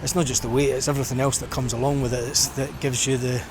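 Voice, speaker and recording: This is a middle-aged Scottish man filming a vlog as he strolls a bustling seafront, musing aloud in a relaxed, conversational way. His medium-pitched voice stays fairly level as he talks quickly, and traffic noise from the street is audible.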